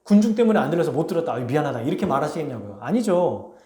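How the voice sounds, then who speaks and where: A man preaching a sermon as pastor, telling a story with lively, questioning delivery to his congregation. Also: on the high side, racing, reverberant. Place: church sanctuary.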